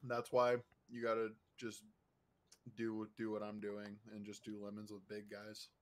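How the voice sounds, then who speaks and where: A man's voice: lowish voice, monotone, measured pace. A young man trading blunt, joking talk with racing friends over voice chat. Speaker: sim racer. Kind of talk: casual chat among friends on voice chat.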